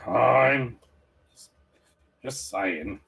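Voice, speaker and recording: A man's voice: mid-range voice, extremely slow, gravelly, a bit bright. A man playing a tabletop role-playing game, speaking casually and partly as his character. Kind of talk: casual role-play chat.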